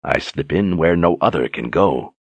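A man voicing a menacing, brutish male tyrant with a deep, grating voice, taunting his captives slowly and with mocking calm. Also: slightly rough, no echo, full character voice. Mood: mocking menace. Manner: mocking, taunting, slow and deliberate.

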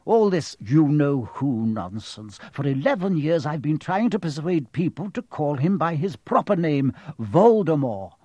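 A man voicing a very old, courteous wizard for an audiobook, gentle, genial and measured. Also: fairly high pitch, big pitch swings, no room sound. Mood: earnest, reasonable. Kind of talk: audiobook character voice.

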